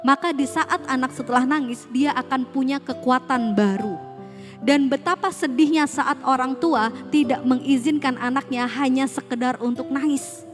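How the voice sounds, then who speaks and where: A woman's voice: high-pitched, moderate pace, music in the background. A woman on a school's staff giving a casual parenting seminar, speaking straight to parents and asking them rhetorical questions. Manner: conversational, mixes casual slang. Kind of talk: parenting seminar talk with slides.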